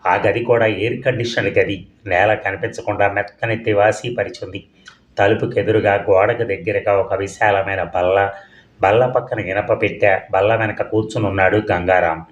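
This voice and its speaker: A man reading a novel aloud as an audiobook narrator, in a measured, plain storytelling manner. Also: fairly low pitch, steady tone. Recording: dull, echoey room.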